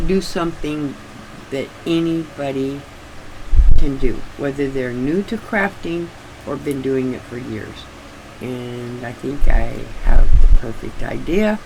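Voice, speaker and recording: An older woman chatting casually and haltingly, with slightly restricted articulation, as if her sore jaw won't open wide. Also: rumbling low, background noise. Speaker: craft vlogger. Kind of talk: casual rambling chat.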